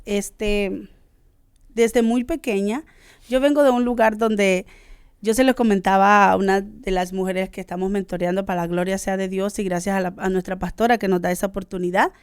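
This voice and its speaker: A Honduran woman with a smooth, resonant voice tells her life story as a radio guest, earnest and searching for her words. The sound is dry and close, as in a small studio. She speaks with a Honduran Spanish accent. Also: medium pitch, steady tone, normal speed, darkish tone, dry recording. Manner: earnest, searching for words with many "este" fillers.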